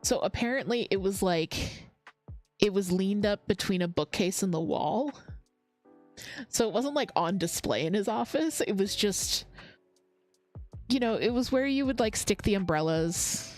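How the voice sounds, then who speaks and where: A woman's voice: mid-range voice, animated, unhurried, a little mellow, faint music behind. A woman hosting a crafting livestream, chatting casually, reading chat comments aloud and laughing often. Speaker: livestream host.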